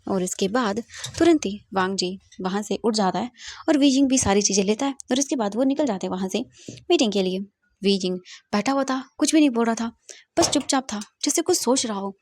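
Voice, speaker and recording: Breathy woman narrating fan fiction. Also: a little high, brisk, a little mellow, dry recording. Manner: conversational, mixing English words. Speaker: storyteller.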